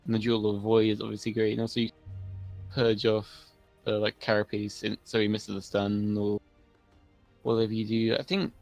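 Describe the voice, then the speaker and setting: A man's voice: fairly low pitch, monotone, moderate pace, gravelly, pauses often, a little mellow, faint music behind, low-quality recording. A man giving live analysis of a video game match in a chatty, analytical way. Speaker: esports caster.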